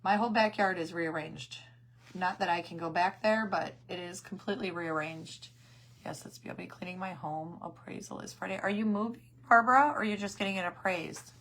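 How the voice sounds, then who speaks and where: A woman with a hoarse, failing voice that cuts in and out, chatting casually as she hosts a craft livestream and greets her viewers. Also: fairly low pitch, a little fast, fairly bright tone. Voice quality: hoarse, voice cutting in and out. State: losing her voice after coughing.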